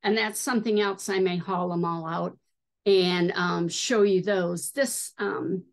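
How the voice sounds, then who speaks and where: A woman's voice: on the low side, fairly even intonation, unhurried, gravelly. A middle-aged woman hosting a needlework video, showing items in a casual, hesitant way with many fillers. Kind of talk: casual show-and-tell.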